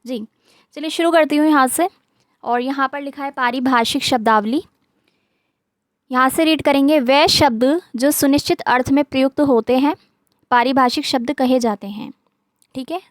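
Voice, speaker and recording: High-voiced woman teaching. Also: no echo. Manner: reads terms aloud, mixes English words into Hindi; often says "theek hai". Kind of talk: online exam-prep lesson.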